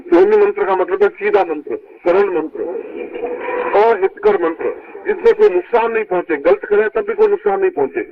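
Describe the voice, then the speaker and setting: A man giving a spiritual discourse to his disciples, heard from an old, worn tape, emphatic and leaping high when he stresses a point. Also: very animated, normal speed, creaky, lo-fi sound. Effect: old worn tape recording. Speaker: spiritual teacher.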